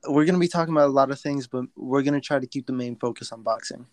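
A man's voice: mid-range voice, rapid-fire, dry recording. A young man co-hosting a casual podcast, talking in a laid-back, slangy way. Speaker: podcast co-host. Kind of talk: casual chat.

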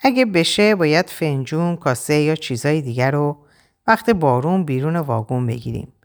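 A woman's voice: deep voice, expressive. A woman voicing a weary French man held prisoner, speaking in a bitter, resigned way.

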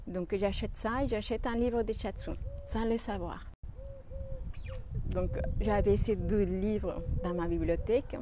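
A woman from Mexico speaking French with a Mexican Spanish accent, a shiatsu practitioner answering interview questions with many pauses and restarts. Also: mid-range voice, fairly even intonation, noisy background. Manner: hesitant, many fillers and restarts.

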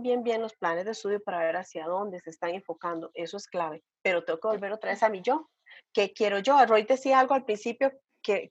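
A woman's voice: medium pitch, breathy edge, no echo. A woman, a vocational counselor giving earnest, emphatic advice in a podcast conversation. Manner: earnest, emphatic, repeats key points, asks rhetorical questions. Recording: dull lo-fi dry sound.

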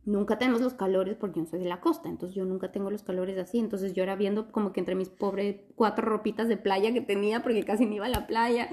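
A young woman from Quito with an Ecuadorian Spanish accent, telling a story in casual chat with animated bursts of laughter. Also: mid-range voice, quick pace, hardly any pauses. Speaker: guest telling her story.

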